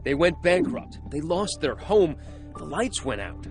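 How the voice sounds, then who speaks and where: A man narrates a true-crime newsmagazine segment with punchy, suspenseful delivery. His pitch sits a little high and swings widely across each line. Dramatic music plays clearly underneath him. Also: big pitch swings, measured pace.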